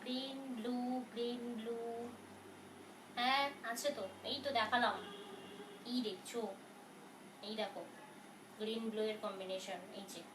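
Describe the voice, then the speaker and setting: A soft-spoken woman selling sarees on a live stream, talking in a chatty, reassuring way as she answers viewers' questions. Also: on the high side, fairly even intonation, measured pace, long pauses. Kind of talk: casual live sales talk. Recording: roomy, from a distance, faint noise.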